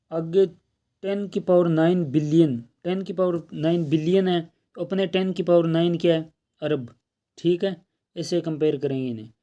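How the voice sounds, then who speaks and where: A man's voice: sits high, warm tone. A man teaching an exam-prep math lesson, explaining step by step and checking in often.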